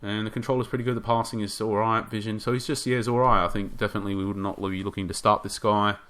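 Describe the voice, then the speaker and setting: A man giving casual game commentary, thinking aloud and rambling with hesitations, his voice getting hoarse. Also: fairly low pitch, flat delivery, fast, a bit bright.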